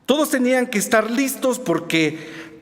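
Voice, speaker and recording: Male preacher, high and very animated delivery, long hall reverb. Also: measured pace. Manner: expressive storytelling, rhetorical asides to the congregation. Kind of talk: sermon. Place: church hall.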